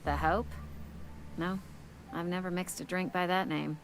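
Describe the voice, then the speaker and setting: Brusque, low-voiced frontier bartender. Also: female voice, fairly even intonation, a little slow, faint music behind. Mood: sardonic, guarded. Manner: sassy, curt, dismissive. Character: brusque, wary woman bartender in a company frontier town. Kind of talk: video game character dialogue.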